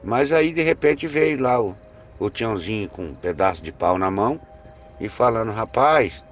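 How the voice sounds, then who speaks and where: A man telling a personal story in a hesitant way, repeating words and slowing down for suspense. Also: on the low side. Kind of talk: first-person spoken storytelling.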